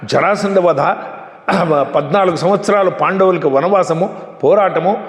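Animated high-voiced man in an echoey hall. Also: a little slow. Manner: emphatic, animated retelling with frequent restarts. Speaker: religious speaker. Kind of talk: storytelling sermon.

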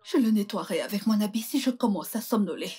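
A woman's voice: mid-range voice, lively intonation, fast, mellow, breathy edge. An actress in a French dub playing a coarse woman prisoner from a poor district, who taunts her new cellmate. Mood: taunting. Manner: taunting, crude and boastful.

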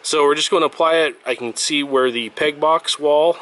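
A man who repairs violins, explaining each step of a workshop tutorial in a relaxed, step-by-step way while working at his bench. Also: a little high, moderate pace. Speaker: violin maker.

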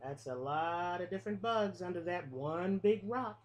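At a moderate pace and with lively intonation, a middle-aged woman with a lowish voice reads a picture book to preschoolers in a sing-song rhythm, breaking off to explain things. She is a pre-K teacher recorded close on a webcam in a small room with a classroom wall display, with slight background noise.

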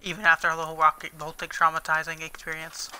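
A man gaming with a friend, quick to accuse and bicker in casual banter. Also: on the high side, monotone, sharp tone, clean tone, low-quality recording.

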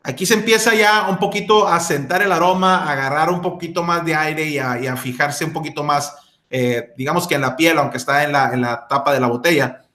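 A man's voice: on the high side, fairly quick, sharp tone, roomy sound. A middle-aged man, casually reviewing a fragrance, chatty with many fillers and restarts. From Mexico.

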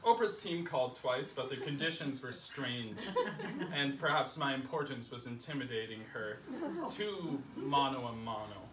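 A bright-voiced young man reads a humorous first-person essay at a moderate pace to a small seated audience in a living room salon. His pitch is medium. Recorded on a distant camera mic, the sound is roomy and echoey with faint noise.

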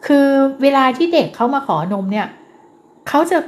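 A middle-aged woman teacher giving parenting advice in a gentle, patient way, full of polite particles. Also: sits high, lively intonation, normal speed. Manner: gentle, acts out example parent dialogue, frequent polite particles. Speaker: child development teacher.

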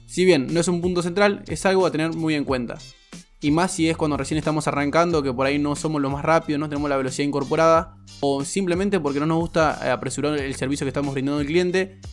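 A man's voice: on the high side, fast talker, soft background music. A man, a barber giving a frank, explanatory voice-over tutorial. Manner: frank, explanatory, repeats "muy pero muy". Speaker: barber reviewing shavers.

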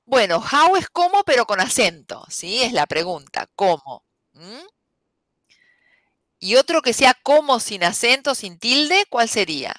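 A woman's voice: a little high, big pitch swings, measured pace, fairly bright tone, dry recording. A woman teacher, patiently explaining an English lesson step by step and often checking in with "¿sí?". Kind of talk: online class explanation.

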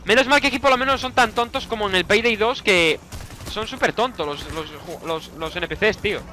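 A young man with a Spanish accent from Spain, giving let's play commentary, excitable and shouting orders at his teammates while swearing constantly. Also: sits high, fairly quick. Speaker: gaming YouTuber.

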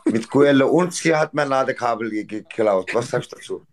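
Male livestream host, mid pitch, rambling casual phone chat. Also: lively intonation, fairly quick. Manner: rambling, repeats "Bruder" and "weißt du".

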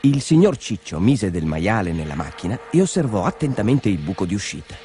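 A man narrating a children's story in a lively, expressive reading. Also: on the low side, fairly quick, faint music behind.

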